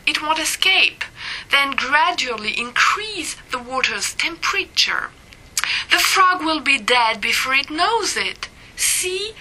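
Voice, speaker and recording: A woman reads her personal essay aloud, slowly and deliberately. Her voice is high and very bright, and it swoops widely. She is sardonic and dramatic, and she drops into whispers for asides. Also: rough recording. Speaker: blogger reading her own post.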